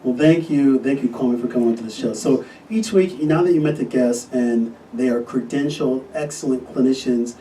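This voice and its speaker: A man, a physician, hosting a casual podcast interview and talking with enthusiasm, often pausing on fillers. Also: mid-range voice, warm tone. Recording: distant mic with faint noise.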